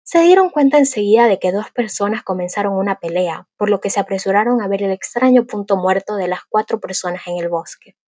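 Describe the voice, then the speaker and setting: Woman, audiobook narrator, steady even reading, breathy husky tone, dry close recording. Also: mid-range voice, a little fast, dry recording.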